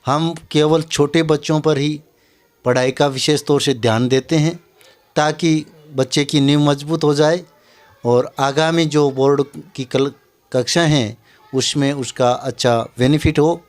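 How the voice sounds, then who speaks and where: Male school presenter; slow, measured formal delivery, slightly high voice. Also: fairly even intonation. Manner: measured and slow, mixes English words into formal speech. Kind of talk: slow formal talk to camera.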